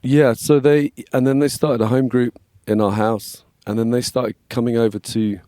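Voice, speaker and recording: An Englishman in his forties who manages a worship label chats as a podcast guest, telling stories in a relaxed way and often saying "yeah, man." His slightly scratchy voice is medium-pitched at a normal speed, recorded dry with clean studio sound.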